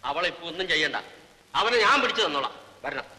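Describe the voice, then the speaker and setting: A man's voice: fairly high pitch, very animated, quick pace, bright, forceful tone, full character voice. An actor playing a stern foreman who harshly accuses a young woman, in a 1960s film scene. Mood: commanding. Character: stern, scornful male foreman, middle-aged. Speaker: foreman confronting the heroine. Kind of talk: 1960s Malayalam film acting. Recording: echoey old film soundtrack.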